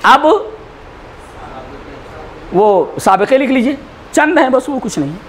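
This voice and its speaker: A man teaching a class in a lecture style, repeating words slowly for students to write down. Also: very high-pitched, lively intonation, a little hiss or hum. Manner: slow, repeats words for dictation. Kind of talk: classroom lecture, dictating notes.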